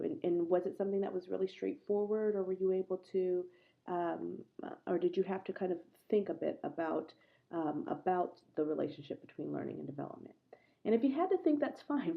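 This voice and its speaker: A woman's voice: fairly low pitch, vocal fry. A woman giving a recorded online lecture through a laptop microphone. Her voice sounds hollow and muffled, as if she were at the bottom of a well. She talks in a conversational, earnest way and often stops to ask the class questions. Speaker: instructor.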